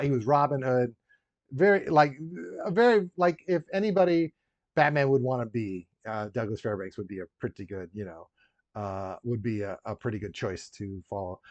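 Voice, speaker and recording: This man hosts a laid-back live stream as a toy collector, rambling and joking with viewers, with dry, teasing asides throughout. He has a mid-range, slightly mellow voice, and the audio is echoey, dull and lo-fi.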